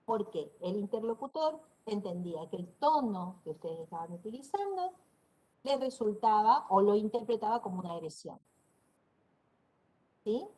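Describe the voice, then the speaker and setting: A woman's voice: mid-range voice, big pitch swings, moderate pace, dark tone, breathy edge, rough recording. A woman with a northeastern Argentine accent giving a university class, explaining and demonstrating pronunciations aloud. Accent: northeastern Argentine Spanish. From Corrientes, Argentina. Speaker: university lecturer. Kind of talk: online class lecture.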